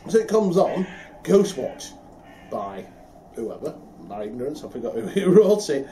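A middle-aged man from the UK co-hosts a casual chat, recounting a story with plenty of laughter. His pitch sits a little high and swings widely as he talks. A faint background hiss is present. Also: big pitch swings, measured pace, warm tone. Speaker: podcast co-host.

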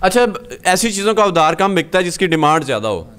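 A man's voice: sits high, sing-song, fast talker, a bit bright, clean tone. A man in his thirties from Pakistan, hosting a business interview and explaining machines step by step, recorded on a handheld mic in a small indoor workshop. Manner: explanatory, walks through machines. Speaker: host.

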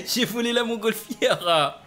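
A man hosting a gaming video, commenting excitedly while playing with a friend, repeating words rapidly and teasing. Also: extremely high pitch, soft background music.

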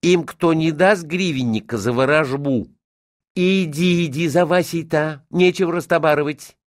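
A stubborn, wary housemaid who speaks bluntly and plainly, as a man puts her on. The voice sits a little higher, in a dry, close audiobook. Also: moderate pace, no room sound, natural voice.

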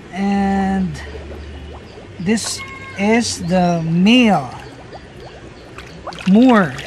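A man's voice: high-pitched, noisy background. A middle-aged man from the Philippines, explaining fish breeding to viewers in a casual vlog at an outdoor fish farm. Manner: explanatory, addresses viewers as guys. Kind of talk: casual walk-through vlog narration.

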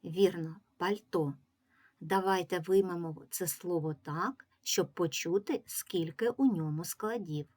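A woman's voice: fairly low pitch, darkish tone. A woman teacher giving a reading lesson to young children, patiently sounding out words syllable by syllable. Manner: slow, patient, drawing out syllables. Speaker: primary school teacher.

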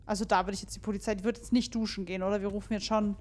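A woman's voice: medium pitch, flat delivery, very fast, darkish tone. A young woman chatting and joking to her viewers as she plays a horror game. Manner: chatty, joking, talks to viewers while playing. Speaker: let's play host. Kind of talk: casual gameplay commentary.

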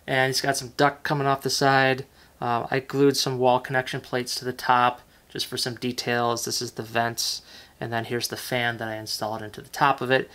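A man casually talking through a hands-on model-building tutorial at his workbench, relaxed and chatty with lots of fillers. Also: medium pitch, normal speed, clean tone. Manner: relaxed and chatty, many fillers, self-correcting. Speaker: model railroad hobbyist host. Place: workbench indoors, off camera.

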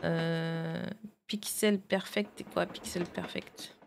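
A woman's voice: fairly low pitch, fairly even intonation, slow pace, creaky, a little hiss or hum. A woman streamer chatting casually with her viewers as she checks files and switches games, thinking aloud as she goes. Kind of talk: casual live-stream chat.

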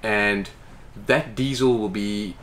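With a voice on the low side and a slow delivery, a boat owner in his forties chats casually in an interview inside the boat's salon. He's animated and gestures while explaining, over a little hiss or hum.

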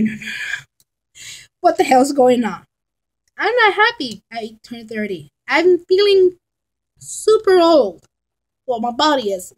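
High-voiced woman rambling to her webcam. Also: rough recording. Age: 30s. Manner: rambling, chatty, frank and exasperated. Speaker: vlogger. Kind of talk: casual rambling vlog. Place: bedroom at home, indoors. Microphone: laptop webcam at close range.

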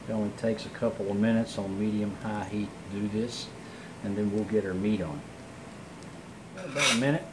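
In his home kitchen, a middle-aged cooking show host chats folksily while demonstrating a recipe, a frying pan sizzling behind him. His lowish voice has fairly even intonation and a moderate pace, amid heavy background noise.

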